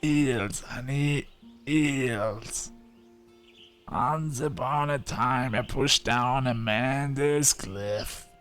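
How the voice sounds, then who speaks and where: A man voicing a raspy-voiced middle-aged smoker mom who drawls fondly and lazily. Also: medium pitch, extremely slow, a bit bright, soft background music. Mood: drawling.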